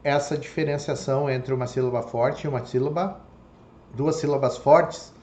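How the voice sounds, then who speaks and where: A man's voice: medium pitch, fairly even intonation, moderate pace, darkish tone. Brazilian male teacher in an echoey room. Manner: explanatory, repeats "tá?" and "ok?" to check understanding. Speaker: Portuguese teacher. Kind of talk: online lecture. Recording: echoey room, faint background noise.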